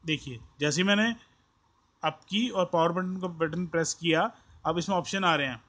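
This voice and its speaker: Slightly high-pitched and a bit bright, this man's voice moves at a moderate pace. He's a tech tutorial host with an Indian accent, explaining things step by step in an informal hands-on session that blends Hindi and English, often repeating himself.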